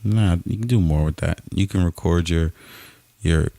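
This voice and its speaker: A man co-hosting a podcast in a casual, halting way, full of uhs and restarts. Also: low voice, warm tone, no echo. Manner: halting, with many fillers and restarts. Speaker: podcast co-host. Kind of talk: casual chat.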